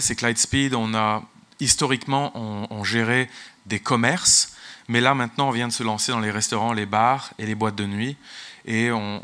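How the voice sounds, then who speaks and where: A man whose first language is English gives a conference talk as a tech executive at a business conference. His voice is lowish and fairly bright, and he often restarts and repeats words.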